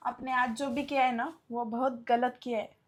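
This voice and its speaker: A woman's voice: on the high side, level tone, normal speed, lightly acted. A woman playing a tearful young widow. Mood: grieving. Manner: tearful, pleading. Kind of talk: amateur short-film acting.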